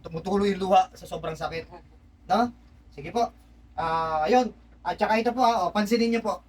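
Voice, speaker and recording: Captured on a distant mic with faint background noise, a man with a high-sitting, slightly mellow voice works as a spiritual healer at a moderate pace. He presses a spirit with insistent questions and repeated "ha?", then explains the session to the onlookers.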